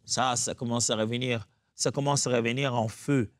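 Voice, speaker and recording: A man's voice: medium pitch, steady tone, normal speed, dry recording. Earnest male Bible teacher, dry sound. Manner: earnest, exhorting, rising to fervent prayer.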